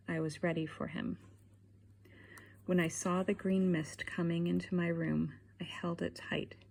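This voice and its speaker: A feverish madman whispers his tale in a husky, gravelly voice, as a woman reader puts him on. He speaks slowly, pitched low and dark. Each breath sounds strained. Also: full character voice. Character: mad male asylum patient, creepy, whispering.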